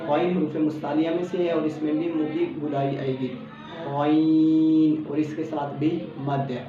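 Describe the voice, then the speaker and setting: A man's voice: a little high, fairly even intonation, a crowd in the background. Pakistani man teaching letter sounds, echoey. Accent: Pakistani Urdu. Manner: patient, explains each letter then models it slowly. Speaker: Quran recitation teacher. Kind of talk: step-by-step pronunciation lesson. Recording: echoey, distant, dull lo-fi sound with faint background hum.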